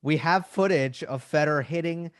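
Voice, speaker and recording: A man hosting a casual tennis podcast, relaxed and joking, with lots of ums and uhs. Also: a little high, normal speed, clear, resonant tone, dry recording, clean studio sound. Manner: relaxed, filler-heavy, joking. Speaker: podcast host.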